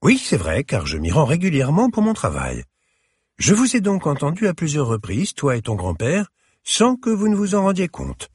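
A man reading aloud, voicing a refined sixty-five-year-old woman curator with a clear, slightly hissing voice and polite, formal manner. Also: fairly high pitch, huge pitch swings, normal speed, a little mellow, dry recording, clean studio sound, pitched above the performer's own voice, heavily acted. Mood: courteous.

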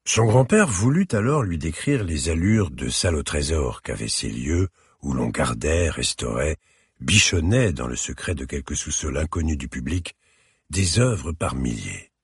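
A man narrating an audiobook in an expressive, measured reading. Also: extremely low pitch, husky, no echo, clean studio sound.

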